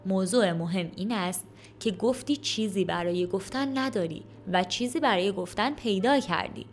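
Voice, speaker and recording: A patient school headmaster read by a woman in her own voice speaks with gentle encouragement. The tone is calm and warm-hearted, as in a storybook reading. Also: mid-range voice, faint music behind, natural voice. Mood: encouraging. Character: kind patient elderly male school headmaster.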